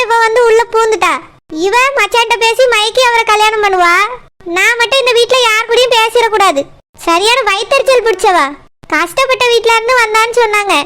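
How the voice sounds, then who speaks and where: A woman's voice: very high-pitched, a bit bright. A woman voicing a tearful, resentful young woman in a cartoon, speaking with a Kanyakumari Tamil accent and brooding sulkily to herself. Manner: sulky, brooding inner monologue. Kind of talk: cartoon voice acting.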